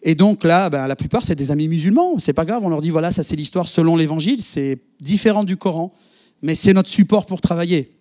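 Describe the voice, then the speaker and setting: A man's voice: fairly high pitch, fairly quick. A male pastor preaching to his congregation, telling a story and acting out the dialogue. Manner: animated storyteller, quotes others in dialogue. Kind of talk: sermon with storytelling. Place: church.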